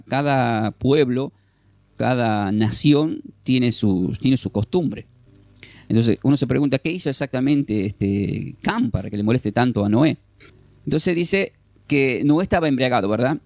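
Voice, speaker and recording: Man, Bible class teacher, middle pitch, patient explaining, repeats himself, dry close recording. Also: expressive, moderate pace, vocal fry, a little mellow, no echo. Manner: explains step by step, often asks the class "¿sí?"; repeats and restarts while thinking aloud.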